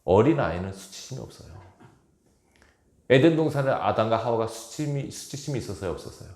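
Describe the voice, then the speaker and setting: A man's voice: mid-range voice, lively intonation, brisk, a little mellow. A male pastor preaching a sermon with emphasis, asking his congregation rhetorical questions, recorded in an echoey church hall. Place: church sanctuary.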